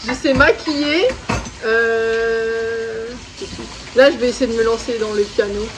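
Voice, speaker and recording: This casual cooking vlog features a twenty-something French guest cook who chats and rambles with many fillers while she works in her home kitchen. Her voice is on the high side with fairly even intonation, and she takes it slowly over very noisy audio.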